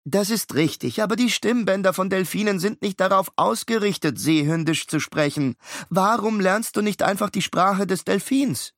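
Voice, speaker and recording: A man's voice: sits high, moderate pace, fairly bright tone, dry recording, studio quality, pitched above the performer's own voice. Know-it-all boy twin voiced by a male narrator, precise, lecturing, storybook. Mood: explaining. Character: clever fussy boy twin, bespectacled.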